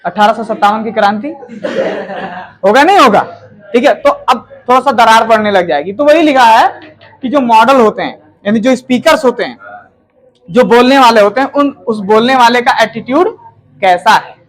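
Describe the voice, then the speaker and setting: A man's voice: very high voice, normal speed, a bit bright. A man teaching a grammar lesson in a chatty classroom style, checking in with listeners and acting out example sentences in different tones.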